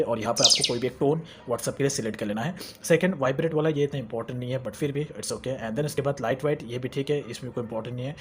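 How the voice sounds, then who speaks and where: Fast-talking man explaining phone settings. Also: mid-range voice, slight background noise. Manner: chatty, repeats phrases, mixes English terms into Hindi. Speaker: tech tutorial host. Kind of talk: screen-recorded how-to tutorial.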